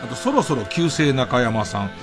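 A man's voice: mid-range voice, big pitch swings, moderate pace, music in the background. A man hosting late-night radio in a casual comic monologue, rambling with asides and exclamations.

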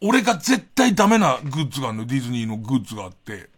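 A man's voice: medium pitch, very animated, very fast, slightly rough. A middle-aged man hosting a late-night radio monologue, rambling in a self-mocking way with chuckling asides, on a close studio mic. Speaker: radio host.

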